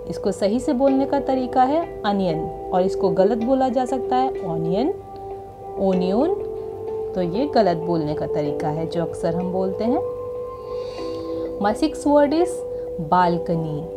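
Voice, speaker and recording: A woman with an Indian accent hosting her channel and teaching English pronunciation, pronouncing each word clearly and carefully. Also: medium pitch. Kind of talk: slow, deliberate pronunciation lesson. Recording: music playing behind.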